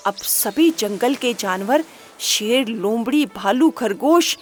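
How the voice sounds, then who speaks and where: A woman narrating a children's moral story, unhurried and asking the listeners rhetorical questions. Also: on the high side, expressive, a little hiss or hum.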